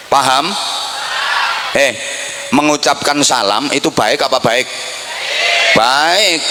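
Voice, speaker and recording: Male preacher with a Javanese accent, comic sermon, bright and forceful tone, teasing and playful. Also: mid-range voice, a little hiss or hum. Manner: playful, acts out greetings in mock voices. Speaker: Islamic preacher. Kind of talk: humorous sermon.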